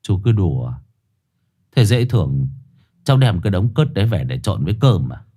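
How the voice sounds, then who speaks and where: A man's voice: sits low, very animated, normal speed, dark tone. A man voicing a swaggering male village exorcist who teases coarsely and mockingly. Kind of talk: storytelling voice acting.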